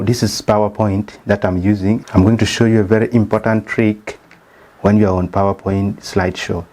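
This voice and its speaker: Here a Ugandan man with a lowish, darkish voice hosts his statistics channel, carefully explaining a slideshow lesson step by step. He speaks English, not his first language, with a Ugandan accent.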